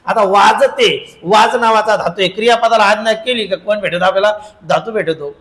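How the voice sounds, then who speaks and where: A man's voice: sits high, normal speed, a bit bright, reverberant, low-quality recording. A male teacher giving an exam-prep grammar lesson, drilling answers and repeating lists in a chant-like way.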